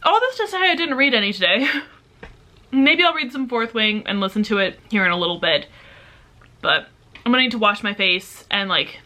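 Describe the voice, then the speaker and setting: A woman's voice: medium pitch, animated, moderate pace, pauses often, sharp tone. A woman in her twenties chatting casually in a home book vlog, rambling and self-deprecating. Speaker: book vlogger. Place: home room indoors.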